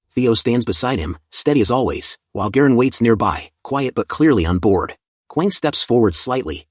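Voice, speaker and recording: A man's voice: mid-range voice, slightly rough, dry recording, studio quality. A man narrating a comic story recap in a casual, conversational scripted style with chatty asides.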